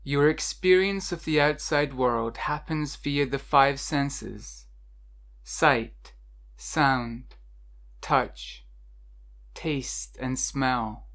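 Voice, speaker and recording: The meditation guide's voice is mid-range and a bit bright as they narrate a scripted session in a measured, instructional style with intentional pauses.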